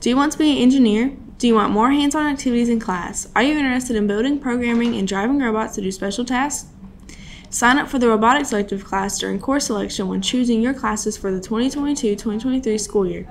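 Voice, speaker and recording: A woman's voice: on the high side, quick pace, slight background noise. A young woman anchoring scripted school morning announcements at a desk microphone. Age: teens to young adult, high school student. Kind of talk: scripted news announcements read to camera. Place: small studio at a desk. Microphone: desktop microphone.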